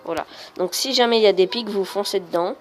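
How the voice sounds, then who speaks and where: A woman giving casual, rambling gameplay commentary that breaks into frustrated shouts. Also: mid-range voice, fast talker, a little hiss or hum. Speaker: gaming video creator.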